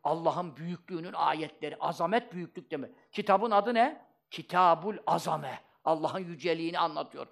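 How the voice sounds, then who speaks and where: High-pitched emphatic male preacher. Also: a little fast, creaky. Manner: emphatic, animated preaching with Arabic recitations. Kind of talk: sermon.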